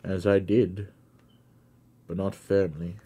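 A man's voice: low-pitched, level tone, slow pace, mellow, husky, full character voice. A man voicing a hurt, middle-aged carrier in a storybook reading, speaking in a faltering, grieved way.

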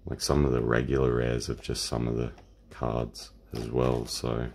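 A man with an Australian accent and an extremely low, gravelly voice chats in a relaxed, rambling way, full of fillers. His voice is croaky at the moment. A faint hiss sits behind him. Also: unhurried. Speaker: channel host. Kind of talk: casual unboxing chat.

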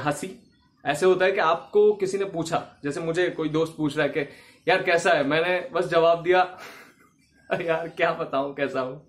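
Man, fairly high voice, relaxed co-host of an acting lesson who laughs a lot and demonstrates lines. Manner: chatty, laughs often, acts out lines.

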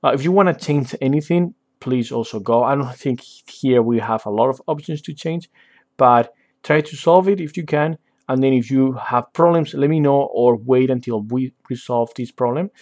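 A man who learned as an explains a beginner exercise as he records his screen. His mid-range voice sits close and dry on a desk mic, and he keeps pausing with "uh" and asking "okay?" as he goes. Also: mid-range voice, darkish tone, dry recording. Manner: frequent "okay?" check-ins and "uh" fillers. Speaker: tutorial instructor. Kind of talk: screen-recorded software tutorial.

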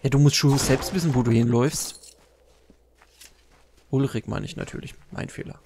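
A man's voice: medium pitch, normal speed, very noisy. A man casually commenting on his gameplay, chatting to himself and to the enemies he fights. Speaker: let's play commentator. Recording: game music loud behind.

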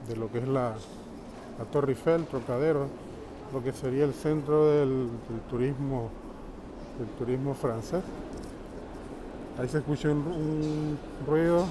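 A man casually narrating a handheld tour of an underground metro station, explaining each step to viewers in a relaxed way. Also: mid-range voice, background noise. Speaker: travel vlogger. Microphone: handheld phone camera. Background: station ambience and passing trains.

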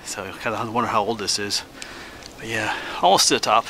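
A middle-aged Pennsylvania man with a fairly low voice chats casually while hiking a wintry forest trail, a vlogger who stays relaxed but gets a little winded and pauses for breath. His camera mic picks up the outdoor noise around him.

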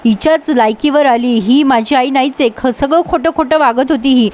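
High-voiced woman recapping a TV serial. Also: a little mellow. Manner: brisk retelling that quotes dialogue. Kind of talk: casual storytelling recap.

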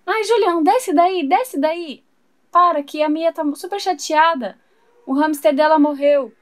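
A woman's voice: high voice, measured pace. Woman doing a bossy big-sister girl. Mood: scolding. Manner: scolding, shooing.

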